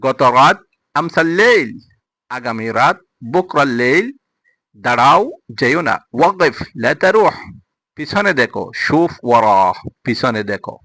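A man with a Bangladeshi accent teaching spoken Arabic phrases, repeating each word and its meaning in a slow drill. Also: medium pitch, lively intonation, sharp tone, no room sound. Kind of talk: spoken language lesson.

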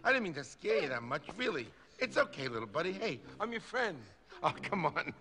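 A man voicing a big, timid, friendly male cat in an animated film, giggling and rambling gently. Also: a little high, a little fast, faint music behind. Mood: coaxing. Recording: orchestral film score behind.

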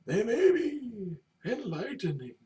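In a small room at home, a very old, doddering male storyteller performs comedy to camera, recorded by a webcam at desk distance so he sounds far off. His extremely high voice swings up and down wildly, very animated and fully in character, halting and grandly dramatic. The mood is welcoming and theatrical.

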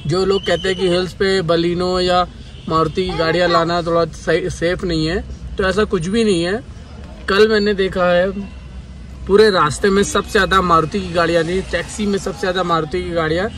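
Male vlogger, 30s, bright keen narration on a phone camera outdoors; road and engine noise clearly behind. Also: high-pitched, low-quality recording. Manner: enthusiastic, points things out to viewers. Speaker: travel vlogger. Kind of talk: casual travel vlog narration. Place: outdoors on hill roads and in a car. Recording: outdoor traffic and wind noise.

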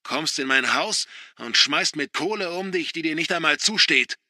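A man reading a story voices a furious middle-aged father, shouting scornfully in a raised, strained voice that sits above normal speech and rings hard and bright. The pace is normal and the sound is dry and close, with no room around it.

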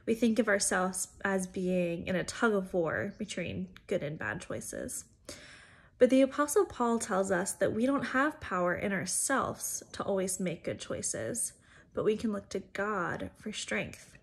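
A woman's voice: mid-range voice, expressive, unhurried, slightly rough. A woman who works as an educator, giving an informal church devotional in a chatty, conversational way with frequent fillers.

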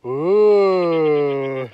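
A man's voice: on the high side, lively intonation, drawn-out words, highs cut off. A man chatting and joking playfully with a companion while filming a hike on a wooded trail. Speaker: hiker filming a trail vlog. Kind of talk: casual chat while hiking.

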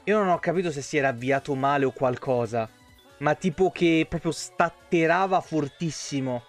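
A man's voice: fairly high pitch, moderate pace. A young man with an Italian accent and a sore throat, streaming a game from home on a headset mic and chatting casually, greeting viewers by name and swearing freely. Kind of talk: casual live-stream chat. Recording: faint music behind.

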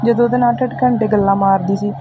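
A woman tears into a rival vlogger in heated reaction commentary, scolding and confrontational. Her voice sits at a middle pitch and comes through narrow and tinny, like a phone call, with a faint hiss behind it. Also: steady tone, rapid-fire. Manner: scolding, confrontational, repeats "theek hai?". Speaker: vlogger replying to another vlogger.

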